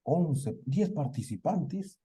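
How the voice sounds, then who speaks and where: Dark-voiced Peruvian teacher quizzing students. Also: male voice, fairly high pitch, expressive, slow. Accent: Peruvian Spanish. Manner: asks students questions and answers them himself. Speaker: literature teacher. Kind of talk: online class review.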